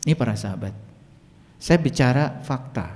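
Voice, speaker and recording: A man teaching as a spiritual teacher, telling stories dramatically and swinging between loud high bursts and quiet low asides. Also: expressive, moderate pace. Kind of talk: teaching talk told through stories. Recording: long hall reverb.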